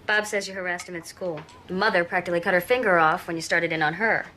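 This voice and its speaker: A woman's voice: fairly low pitch, steady tone, fast, bright, forceful tone, slight background noise. An actress playing a tired but firm young pregnant woman in a film drama. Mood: weary. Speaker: pregnant sister.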